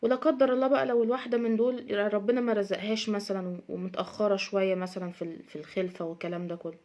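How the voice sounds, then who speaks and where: A woman's voice: medium pitch, fairly even intonation, very fast, a little mellow. A young adult woman with an Egyptian accent giving casual advice in a monologue, speaking emphatically and repeating her points. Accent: Egyptian Arabic. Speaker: social media advice speaker.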